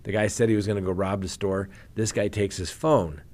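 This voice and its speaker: A man's voice: on the low side, fairly quick. A man who works as a criminal defense attorney, hosting a show where he reads crime news and adds wry, joking commentary. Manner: wry, animated, reads news then jokes about it.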